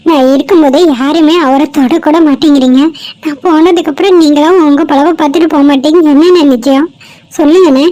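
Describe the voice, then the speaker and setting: A woman's voice: high voice, steady tone, normal speed, darkish tone, natural voice, low-quality recording. A woman playing an earnest, pleading young woman. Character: kind young woman pleading to help a stranger.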